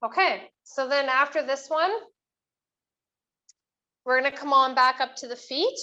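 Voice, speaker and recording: A woman's voice: high-pitched, unhurried, pushed and bright, highs cut off. A woman coaching a workout as an aerobics instructor, cueing moves and counts in an encouraging, instructional way. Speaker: fitness instructor leading a workout.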